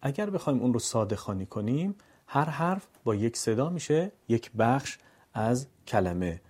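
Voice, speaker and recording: A male teacher leads a recitation lesson in a calm, measured voice, sounding out syllables slowly. His tone is dark and mellow, with a husky edge. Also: mid-range voice. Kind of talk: scripted lesson narration.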